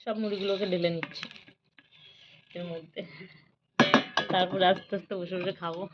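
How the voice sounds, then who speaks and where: A woman vlogging casually around her home and garden, talking softly and unhurriedly to her viewers. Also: little pitch movement, dull audio, background noise. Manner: soft, unhurried narration, louder and higher when coaxing a child.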